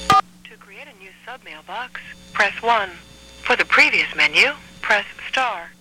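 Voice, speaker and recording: A woman voices an automated voicemail system, reading scripted phone menu prompts over a telephone line in measured, clearly segmented instructions. Her mid-range voice sounds pushed and bright, with a little hiss or hum in the background.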